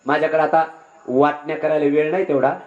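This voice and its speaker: A man's voice: fairly high pitch, level tone, fairly quick, darkish tone, dull audio. A man preaching a devotional sermon, telling a story with animation and acting out its characters' voices. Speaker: kirtan preacher. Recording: echoey venue.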